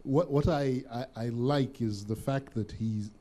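A man's voice: medium pitch, unhurried, mellow. A man speaking as a guest in a casual interview, earnest and reflective, repeating words as he thinks.

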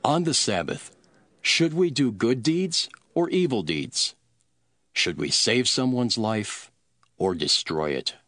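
An actor playing Jesus as a calm, authoritative teacher in a dramatised scripture reading, measured and solemn. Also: male voice, medium pitch, dry recording, studio quality. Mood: challenging.

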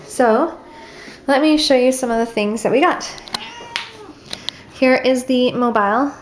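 A woman's voice: sits high, measured pace, slight background noise. A young woman casually showing her spare room on a handheld camera, chatty and upbeat, a little out of breath. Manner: chatty, upbeat, lots of fillers. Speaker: vlogger. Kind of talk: casual home tour vlog. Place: spare room upstairs in a house.

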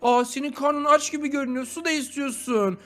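A man playing a grumpy, unlucky young man in an animated game video, grumbling and exclaiming often. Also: very high-pitched, a little fast. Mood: cooing. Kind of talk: animated game role-play.

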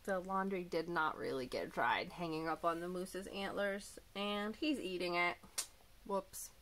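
A woman teacher reading a storybook aloud to young children, gentle and clear, with small asides about the pictures. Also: on the low side, moderate pace.

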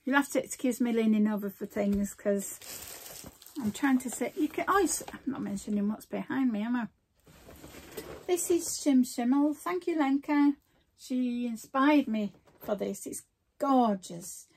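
A woman's voice: on the high side, a little slow, a little mellow, a little hiss or hum. An older woman, chatting casually as she shows off craft supplies at home, rambling and breaking off mid-sentence. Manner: chatty, rambling, self-interrupting. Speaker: crafting vlogger. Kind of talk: casual show-and-tell chat.

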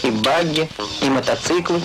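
A man narrating an old 1980s documentary film in a measured, dryly ironic scripted way. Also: on the high side, over loud music, rough recording.

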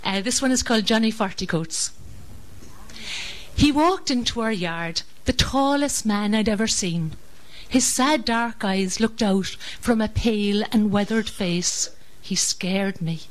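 Higher-voiced Irish woman reciting poetry. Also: rough recording. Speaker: poet.

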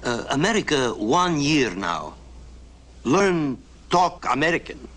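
An actor playing a bashful Latvian immigrant shoemaker who speaks halting broken English with a Latvian accent and a husky voice, from an old film soundtrack. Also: male voice, fairly high pitch, sing-song, fairly bright tone, full character voice.

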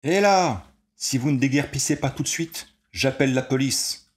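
A man voicing a furious old male night watchman who shouts threats down from a window. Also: medium pitch, moderate pace, pitched above the performer's own voice, close to an everyday voice.

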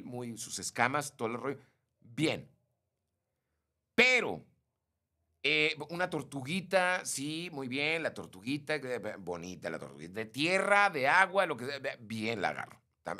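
A young Mexican man hosting a casual live stream, reading and greeting viewers by name. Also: a little high. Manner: animated, greets viewers by name, mimics shrieks.

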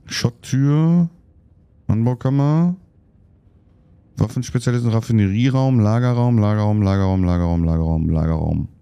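A man's voice: on the low side, moderate pace, creaky, warm tone, clear, resonant tone, no echo. A man chatting casually while playing a game, muttering to himself and getting annoyed easily. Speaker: let's play host. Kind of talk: casual gameplay commentary.

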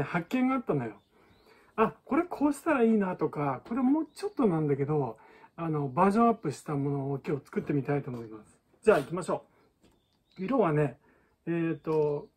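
Male balloon-art teacher, slightly husky, casual and chatty. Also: fairly high pitch, darkish tone. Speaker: balloon artist. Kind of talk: casual tutorial chat.

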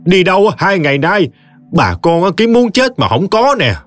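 A woman's voice: fairly low pitch, very animated, moderate pace, no room sound, faint music behind, pitched above the performer's own voice. A man voicing a flustered, exclaiming old village woman.

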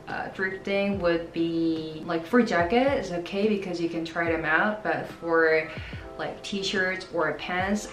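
Standing near a wall in a plain room, a South Korean woman who speaks Korean as her first language does a relaxed try-on haul for her fashion vlog. She sounds cheerful and talkative, with a fairly low pitch and plenty of "like" fillers. Background music runs beneath the echoey sound.

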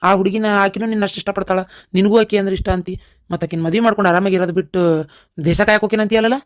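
Voice actor doing a cartoon village uncle, north karnataka accent, fast talker, reasoning with his nephew. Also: medium pitch, fairly even intonation, no room sound, clean studio sound, lightly acted. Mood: coaxing. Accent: North Karnataka Kannada. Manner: coaxing, reasoning. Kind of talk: cartoon voice acting.

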